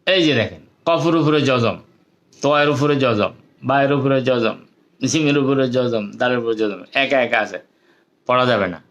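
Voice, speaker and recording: A man teaching Quran reading, patiently sounding out letters one by one and urging listeners with earnest, preacher-like warmth. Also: medium pitch, normal speed, lo-fi sound. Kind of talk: step-by-step reading lesson.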